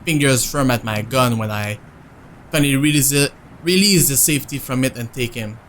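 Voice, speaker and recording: A man's voice: mid-range voice, normal speed, fairly bright tone, slight background noise. A man streaming a visual novel, who reads the narration aloud and chats with viewers in between. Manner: reads narration, breaks off to answer chat. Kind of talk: reading a visual novel aloud with casual chat.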